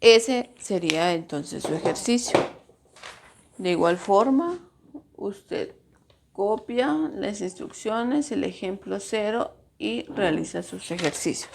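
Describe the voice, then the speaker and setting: Slow, patient woman teacher with vocal fry. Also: mid-range voice, slight background noise. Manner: patient, stretches syllables to demonstrate stress; addresses pupils directly. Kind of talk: recorded grammar lesson for pupils.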